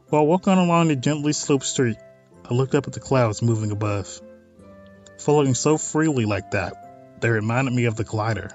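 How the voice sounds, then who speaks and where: A man with a mid-range, slightly mellow voice hosts a let's play of a visual novel. He reads the text aloud and adds informal, wry asides about what he reads.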